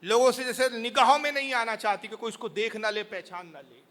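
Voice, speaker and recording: A man's voice: very high voice, fairly even intonation, fairly bright tone. A man from India, a preacher telling a story in a sermon with impassioned, dramatic narration.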